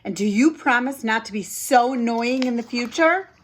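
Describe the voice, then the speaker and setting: A woman voicing an excitable young boy talking urgently and with exasperation in a read-aloud story. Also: a little high, normal speed, a little hiss or hum, pitched above the performer's own voice, natural voice. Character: excitable young boy, bossy big brother.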